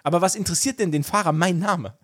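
A man's voice: sits high, quick pace, slightly rough, no room sound, clean studio sound. A young man co-hosting a casual podcast chat, telling a story with lots of energy and acting out the dialogue. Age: young adult. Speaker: podcast co-host.

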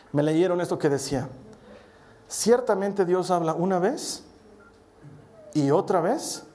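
A man's voice: on the high side, warm tone. Bolivian man preaching a testimony sermon. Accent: Bolivian Spanish. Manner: storytelling, acts out quoted voices.

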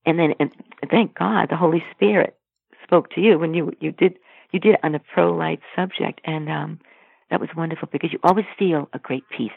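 A woman with a very low, gravelly voice tells what she has seen while counseling outside a clinic. She speaks earnestly and restarts her sentences often. Her voice comes through a tinny, phone-like line with a dry, close sound. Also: steady tone, dry recording. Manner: earnest, with frequent halting restarts. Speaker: pro-life sidewalk counselor. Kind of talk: recounting experiences in conversation.

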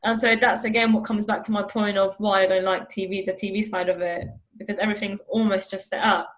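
A woman's voice: mid-range voice, level tone, fairly quick. A woman being interviewed, telling a personal story in a rambling, casual way and acting out what people said. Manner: rambling, acts out quotes with "I was like". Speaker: interview guest.

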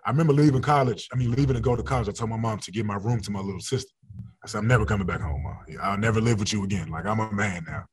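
In a casual interview, a football player in his thirties speaks candidly, often laughing and restarting his words. His fairly low voice is slightly rough and races along.

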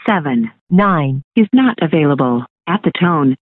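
A man's voice: a little high, very animated, measured pace, no room sound. A man doing a glitching answering machine message. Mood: glitchy recorded. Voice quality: repeats words like a glitching recording. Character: stuttering automated voicemail system, male, flat and mechanical. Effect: answering machine message over a phone line. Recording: tinny phone line, heard from off-mic.

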